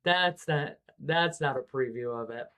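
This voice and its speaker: A woman hosting a casual livestream about miniature painting, relaxed and chatty with frequent ums. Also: extremely low pitch, measured pace.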